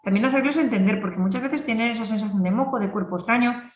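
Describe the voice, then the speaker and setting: Woman clinician lecturing, lively and explanatory, echoey dull recording. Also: on the high side, quick pace, recorded from a distance. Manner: lively, explanatory, many tag questions. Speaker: speech therapist lecturer.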